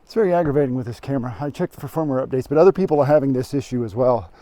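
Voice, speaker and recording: A man's voice: medium pitch, rapid-fire, mellow, no room sound. A man, a landscape photographer, talking casually outdoors on a mountain trail, frank and self-critical as he gives tips. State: out of breath.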